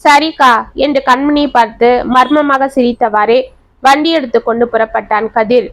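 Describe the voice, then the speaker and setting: A woman narrating a family story in a steady, unhurried voice. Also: high voice, no room sound, low-quality recording.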